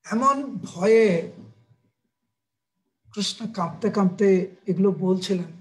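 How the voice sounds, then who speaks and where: A man preaching a devotional sermon, retelling a sacred story in an animated, dramatic way. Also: high voice, slow pace.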